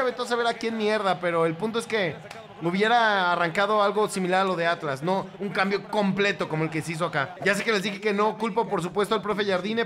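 A young man with a Mexican accent talks through a live football match for his channel. His voice sits high and bright, with a sharp forward edge. He curses freely and bursts into shouts at the screen. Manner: profane, excitable, shouts at the screen. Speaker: football fan reaction host.

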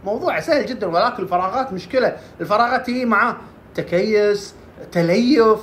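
A woman's voice: mid-range voice, brisk, slight background noise. A woman giving casual health tips, asking and answering her own questions as she goes. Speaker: herbal health presenter.

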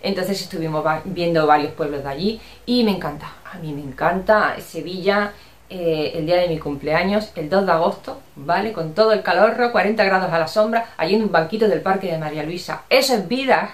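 Speaking briskly in a fairly low voice, this middle-aged vlogger from Barcelona chats warmly and casually with her viewers, replying to their comments. Her Spanish accent from Spain carries occasional Andalusian touches, and the room echoes noticeably.

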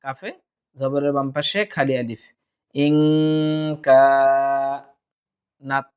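A man's voice: mid-range voice, normal speed, phone-quality sound. A man teaching Quran recitation rules, breaking words into syllables and then chanting the verses drawn out. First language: Bengali. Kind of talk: slow tajweed lesson, spelling out and reciting verses.

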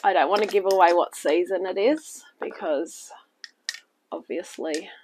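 A woman's voice: fairly low pitch, unhurried, noisy background. A woman hosting a home cooking show, talking viewers through a recipe step by step in a chatty, reassuring way, still a little weak from illness and coughing now and then, recorded at a kitchen table. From New Zealand. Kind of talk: casual cooking demonstration.

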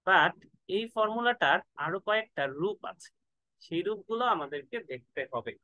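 Guy explaining trig formulas slow, drags words while writing, dry close mic. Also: high-pitched, animated, sharp tone, no echo, dull audio. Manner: thinks aloud, drawn-out words while writing. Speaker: math tutor. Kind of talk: casual lesson, mixing in English.

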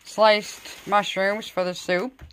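A middle-aged home vlogger sits at a table indoors and casually lists grocery haul items in short phrases, filmed on a handheld phone. Her medium-pitched voice stays level and slow, with a little hiss or hum in the audio.

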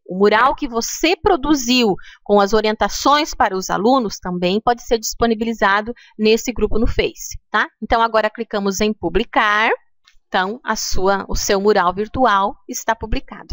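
A middle-aged Brazilian woman gives a patient, step-by-step tutorial for teachers. Her voice sits somewhat high, and she often pauses to check that her listeners follow. The recording is dry and close, with no room sound. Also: no echo. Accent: Brazilian Portuguese. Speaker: teacher trainer.

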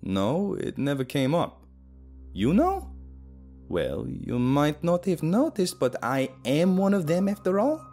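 Man voicing a young woman, anxious, gentle, high pitched, very lively pitch, storybook reading. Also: slow, soft background music, exaggerated voice. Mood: explaining. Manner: pleading, high and rising.

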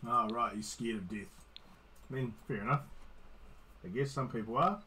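A man's voice: medium pitch, normal speed, pushed and bright, a little hiss or hum, low-quality recording. Teasing, foul-mouthed man narrating gameplay. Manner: teasing, swears at the game characters. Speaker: gaming streamer. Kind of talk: casual gameplay commentary.

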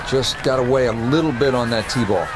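A man's voice: medium pitch, a little fast, noisy background, close to an everyday voice. A man playing an easygoing, informed golf commentator in a video game. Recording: music and crowd ambience behind.

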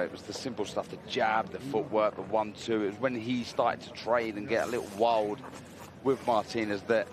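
A man's voice: mid-range voice, background noise. A man giving conversational expert boxing analysis, repeating phrases for emphasis. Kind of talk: live expert sports commentary.

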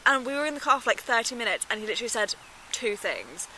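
A woman's voice: on the high side, sing-song, quick pace, sharp tone, a little hiss or hum, poor audio. A woman in her twenties acting an anxious, determined sister confiding in a found-footage video diary. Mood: uneasy, confiding. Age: 20s. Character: worried determined young woman searching for missing sister. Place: small room, then outdoors in bare woodland. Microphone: handheld camera at arm's length.

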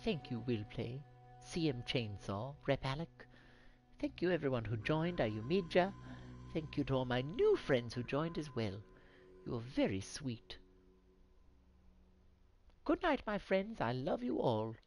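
A woman chatting on a live game stream, using a genteel, old-fashioned gentleman manner. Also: a bass voice, big pitch swings, measured pace, soft background music, poor audio. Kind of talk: live gaming stream chat.

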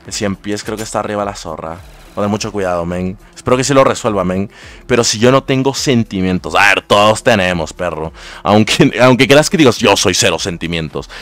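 A young man with an Ecuadorian Spanish accent talks through a live game stream. His voice sits a bit low, and he chats in a loose, slangy way, reacting to the game and answering viewers as he goes. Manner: casual slangy chatter, reading and answering chat. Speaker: gaming streamer. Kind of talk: live gameplay commentary.

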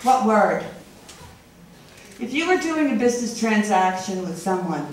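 A middle-aged woman speaks at public comment in a council meeting, confrontational and accusing, her medium-pitched voice sing-song and unhurried. A far camera picks her up from a room mic at the podium in a wood-paneled chamber, so the sound is very echoey and distant, with slight background noise.

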